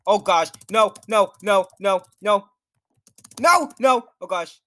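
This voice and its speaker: Jittery high-voiced young gaming YouTuber. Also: male voice, expressive, slow pace, a bit bright. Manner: jittery, nervous, talks to himself while playing. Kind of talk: live gameplay commentary.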